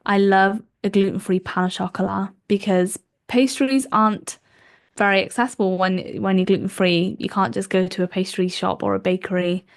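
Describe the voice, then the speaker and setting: This is a casual interview chat with a podcast guest, a woman in her twenties from Wales who speaks Welsh as her first language and has a Welsh accent. Her mid-range voice holds a steady tone at a moderate pace, and she comes across as chatty, with warm laughs and frequent ums and likes.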